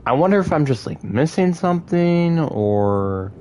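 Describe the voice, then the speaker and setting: A man giving casual gameplay commentary, thinking aloud in a halting, puzzled way. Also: on the high side, sing-song, dark tone, smooth. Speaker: gaming streamer.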